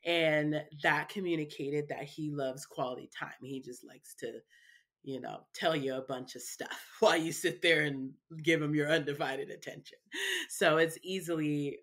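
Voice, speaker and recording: A woman's voice: low voice, a bit bright. Chatty woman podcast guest. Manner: chatty, peppers speech with "you know" and "right". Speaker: guest, parenting speaker. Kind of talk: casual interview chat.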